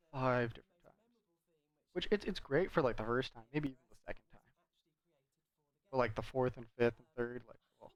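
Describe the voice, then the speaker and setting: A man with a medium-pitched voice gives casual, rambling commentary over a video game, talking conversationally and hedging often. The recording is rough but has no echo.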